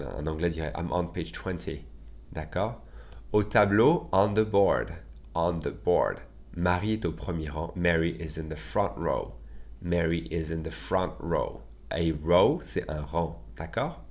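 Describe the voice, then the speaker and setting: Teacher drilling English phrases. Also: male voice, low-pitched. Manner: conversational, many filler "euh"s. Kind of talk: bilingual English lesson in French.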